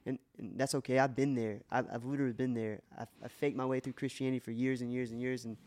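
A man's voice: medium pitch, little pitch movement, fast talker, a little mellow. Earnest man sharing faith on a podcast. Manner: earnest, emotional testimony with many restarts. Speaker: podcast co-host. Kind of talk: casual faith podcast talk.

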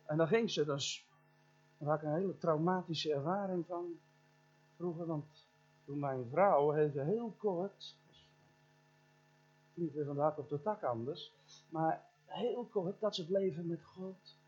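A man's voice: a little high, a little slow, pauses often, husky, soft background music. A middle-aged man preaching a storytelling sermon, speaking straight to the congregation and acting out sounds and voices from his story. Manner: animated, addresses the congregation directly. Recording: dull lo-fi church recording.

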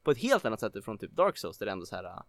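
A man co-hosting a casual chat about video games, rambling with lots of filler words and getting excited. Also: lowish voice, creaky, no echo. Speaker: podcast co-host.

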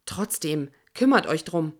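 A woman reading the part of a woman on a radio channel, giving brisk, clipped orders. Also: deep voice, expressive.

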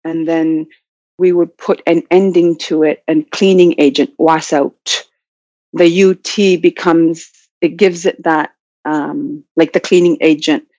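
A woman's voice: deep voice, fairly even intonation, measured pace, darkish tone. A woman from Arctic Canada, giving reflective interview answers in a hesitant way, searching for words. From Nunavut, Arctic Canada. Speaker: interview guest, Inuit language learner and business owner. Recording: dull, roomy, lo-fi call audio.

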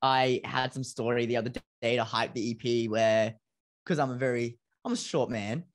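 A man's voice: medium pitch, fairly even intonation, normal speed. A young Australian man in a band, chatting casually in an interview and telling self-mocking stories. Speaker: band member.

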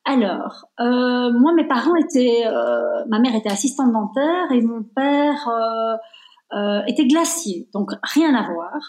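A woman's voice: fairly high pitch, expressive, slow pace, a little mellow, reverberant. A woman in her fifties, born in Belgium, speaking as a guest in a conversational interview, reflective and emphatic, with many fillers. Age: 50s.

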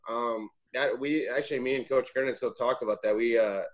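A young man, a former college pitcher, telling long, rambling stories in a casual interview and often correcting himself mid-sentence. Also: steady tone, brisk. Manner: rambling, self-correcting anecdotes.

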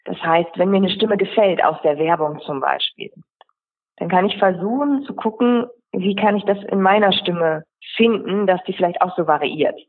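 Husky woman coach on a tinny line. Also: fairly low pitch, moderate pace. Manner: explanatory, lists examples in runs. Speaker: rhetoric coach. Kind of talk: podcast interview answers.

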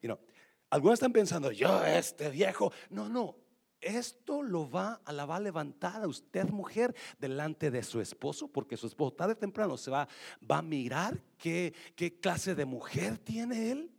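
Gravelly high-voiced preacher. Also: male voice, very animated, normal speed, a little mellow. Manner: emphatic, addresses the congregation directly. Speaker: pastor. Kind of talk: sermon.

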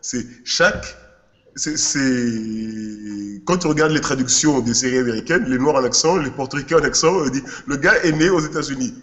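A man's voice: mid-range voice, normal speed, a bit bright. A man co-hosting a casual podcast panel, stammering and repeating words before finishing a thought. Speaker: podcast co-host. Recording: dull, muffled podcast recording.

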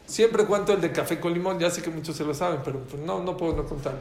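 A man speaks to a crowd in an informal sermon, his voice sitting a little high and bouncing between jokes and earnest repetition. The recording carries a noticeable room echo with a faint background hum. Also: fast talker. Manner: animated, jokey, repeats key phrases. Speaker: rabbi giving a talk. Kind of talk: informal sermon to a live audience.

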